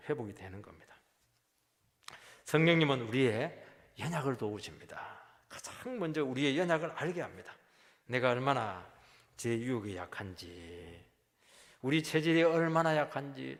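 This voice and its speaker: A middle-aged male pastor preaching a sermon, animated and lively, acting out quoted voices with sudden jumps in pitch and loudness. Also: creaky. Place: church sanctuary. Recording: long hall reverb.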